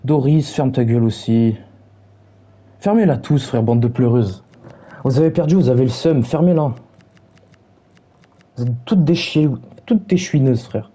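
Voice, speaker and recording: A man's voice: medium pitch, unhurried, long pauses, dark tone, breathy edge. Brash, mocking young man streamer. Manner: mocking, taunting chat, brash slang. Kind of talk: casual stream chat.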